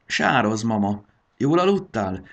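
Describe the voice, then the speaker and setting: Man playing an eager young dragon, raised voice, hurried and coaxing, gravelly, storybook. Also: on the low side, big pitch swings, voice pushed up.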